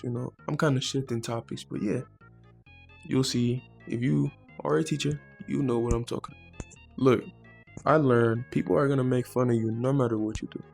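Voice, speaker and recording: A teenage boy from Mexico hosts his own vlog, talking to the camera in a chatty, laid-back way. His voice is medium-pitched and creaky, and he often uses fillers and repeats words.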